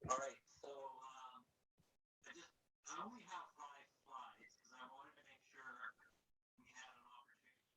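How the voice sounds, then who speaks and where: A man's voice: medium pitch, steady tone, moderate pace, a little hiss or hum. A man giving a conference presentation over a tinny phone line, his voice fading in and out. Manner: fading in and out, uneven loudness. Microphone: telephone.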